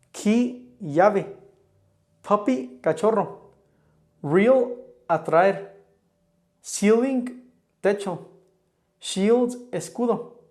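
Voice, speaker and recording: A man's voice: high-pitched, darkish tone. A man teaching an online English pronunciation lesson, patiently explaining rules step by step with examples.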